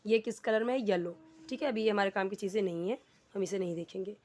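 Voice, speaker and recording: A woman's voice: medium pitch, fast, a little mellow. A woman teaching English, patiently asking and answering her own questions. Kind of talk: explaining a lesson.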